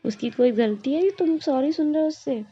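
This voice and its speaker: A woman's voice: mid-range voice, moderate pace, vocal fry, a little mellow, slightly rough, muffled recording. A woman voicing a firm elder sister-in-law who scolds in a story reading. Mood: scolding.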